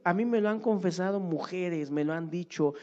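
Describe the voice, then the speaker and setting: A pastor with a high, slightly mellow voice preaches at normal speed. He speaks emphatically and keeps seeking the congregation's agreement with short, repeated tag questions, and the recording is muffled and lo-fi.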